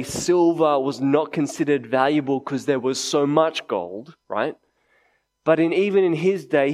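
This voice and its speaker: A man preaching a sermon to a congregation in a conversational way, repeating key phrases for emphasis. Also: fairly high pitch. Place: indoors, church meeting before a congregation.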